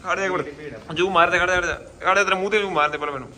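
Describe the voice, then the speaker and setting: A man's voice: sits high, rapid-fire, pushed and bright, poor audio. A man with a Malwai Punjabi accent, chatting casually to camera about his pigeons. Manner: chatty, jokey, talks to boys and pets around him. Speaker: pigeon keeper vlogger. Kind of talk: casual vlog talk to camera.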